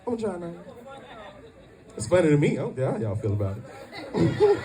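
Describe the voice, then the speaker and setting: A man in his thirties performing a stand-up comedy set at a family reunion, loud and animated, shouting his punchlines. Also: a little high, moderate pace, distant mic, crowd noise, background noise.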